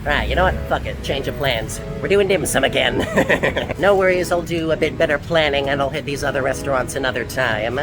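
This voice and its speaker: A man's voice: medium pitch, fairly quick, low-quality recording. A man chatting casually to viewers as a food and travel vlogger, jokey, self-deprecating and a bit sweary. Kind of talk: casual vlog narration to camera. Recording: background music over vlog audio.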